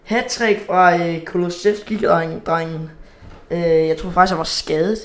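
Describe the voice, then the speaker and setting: A man with a notably high-pitched voice. He talks casually, as the host who steers a football prediction conversation. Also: steady tone. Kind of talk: casual chat.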